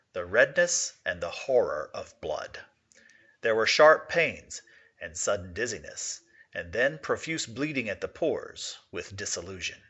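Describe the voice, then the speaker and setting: Like a teacher giving a literature lesson, a man reads aloud expressively in a lowish, bright, husky voice with a forceful tone. The recording sounds slightly dull.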